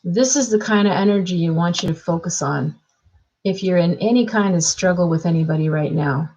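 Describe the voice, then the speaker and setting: A woman's voice: on the low side, brisk, darkish tone, dull audio. A woman astrologer talking through a chart reading in a casual, thinking-aloud way, with fillers and restarts.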